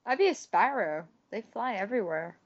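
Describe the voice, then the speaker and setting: A woman's voice: medium pitch, expressive, moderate pace. A young woman co-hosting a podcast over an online call, playful and laughing often. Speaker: podcast co-host. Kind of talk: casual chat. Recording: dull lo-fi call audio.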